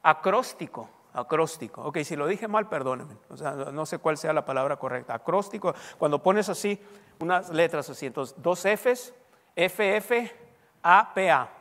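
A man's voice: fairly high pitch, lively intonation, moderate pace, a bit bright. A man preaching a sermon as pastor, teaching and quizzing his congregation with call-and-response questions. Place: church hall. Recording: long hall reverb.

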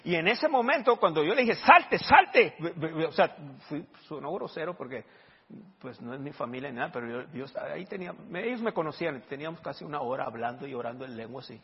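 A man preaching as a pastor, telling stories and acting out the dialogue loudly. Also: on the high side, quick pace, breathy edge. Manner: animated, acts out dialogue loudly. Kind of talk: sermon with storytelling. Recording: dull reverberant hall recording.

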